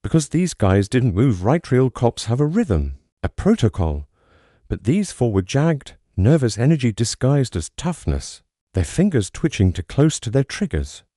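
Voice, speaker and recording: A man's voice: medium pitch, big pitch swings, unhurried, dark tone, no echo, studio quality. A man reading a scripted first-person story aloud in a dramatic, suspenseful storytelling manner. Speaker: narrator.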